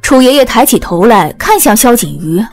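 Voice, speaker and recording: Woman narrator for an audiobook, high-ish voice, very lively pitch. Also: moderate pace.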